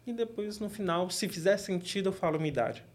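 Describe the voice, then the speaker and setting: A young man from Brazil with a São Paulo accent, talking casually as an interview guest, relaxed and quick to laugh. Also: high voice. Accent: São Paulo Portuguese. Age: young adult.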